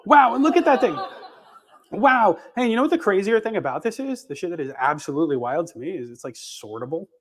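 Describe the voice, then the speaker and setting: A man's voice: high voice, very animated, fairly quick. A man giving a live conference tech demo in a loose, profane, filler-heavy way while chewing gum. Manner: casual, profane, lots of fillers and restarts. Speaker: conference speaker. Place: conference stage with audience.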